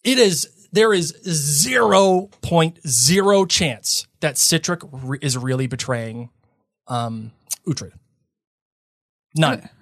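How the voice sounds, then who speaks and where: A man's voice: fairly high pitch, slow pace, a bit bright, dry recording. Opinionated man on a dry mic. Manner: opinionated, emphatic. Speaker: podcast co-host. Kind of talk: casual chat.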